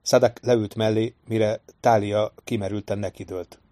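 A man narrating a fantasy novel as an audiobook reader, in an even, unhurried storytelling voice. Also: on the low side. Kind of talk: scripted narration.

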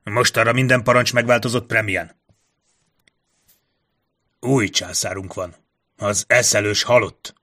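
A man voicing a brisk, commanding male general who gives crisp orders. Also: fairly low pitch, steady tone, pushed and bright.

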